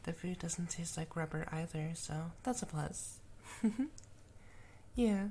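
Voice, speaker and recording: A woman plays a gently teasing young woman in an ASMR role-play in the ear cleaning ASMR style. Her soft, breathy soft voice sits low for a woman and moves very slowly. She chats in a caring, unhurried way. Clear background noise runs through the recording. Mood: relaxed chatting.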